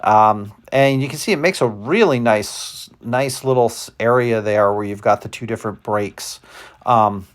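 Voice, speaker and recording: A man's voice: fairly low pitch, measured pace. A man giving a casual, rambling voice-over commentary as he explains his hobby model-making step by step. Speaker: hobby model-maker narrating tutorial.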